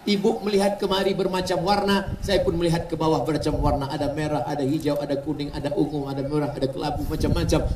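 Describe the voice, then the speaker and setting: High-voiced man preaching in an echoey stadium. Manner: jokey, swings between soft asides and loud exclamations. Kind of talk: humorous sermon at a mass gathering. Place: outdoor stadium. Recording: echoey stadium PA from far off, noisy.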